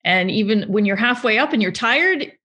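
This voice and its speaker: A woman's voice: fairly high pitch, animated, moderate pace, pushed and bright. A woman co-hosting a business podcast, chatting enthusiastically, laughing often and acting out little quoted thoughts. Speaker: podcast co-host, business coach. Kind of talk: casual chat.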